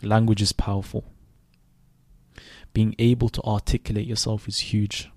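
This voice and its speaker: A man in his twenties, raised in Sweden, hosting a reflective solo podcast in a thoughtful, unhurried way with many restarts. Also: fairly low pitch, little pitch movement, darkish tone, no room sound. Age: 20s. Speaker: podcast host.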